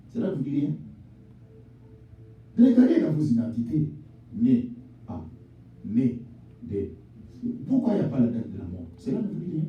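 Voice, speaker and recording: Booming preacher in an echoey church. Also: male voice, recorded from a distance, highs cut off. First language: not English. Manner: swings from shouted exhortation to low, quiet address; addresses the congregation directly as mother, father, sister. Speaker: pastor. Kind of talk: sermon. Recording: echoey church hall, voice from off-mic.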